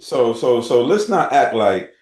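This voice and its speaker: A man's voice: medium pitch, sing-song, measured pace, darkish tone, roomy sound. A man talking as a panelist in a casual sports debate, making his points emphatically and repeating them.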